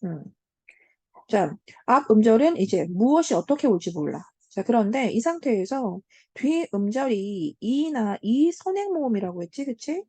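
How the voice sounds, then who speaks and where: Woman teacher walking students through grammar, lively sing-song voice, keeps checking they follow, warm tone. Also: a little high, dry recording. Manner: fills pauses with "자" and "음", asks the class check questions. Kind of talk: online lecture to high school students.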